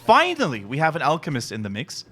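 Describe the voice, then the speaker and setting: A man with a Dutch accent giving lively live play-by-play commentary on a strategy game. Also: fast. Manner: excited play-by-play, rising pitch at big moments. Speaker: esports caster.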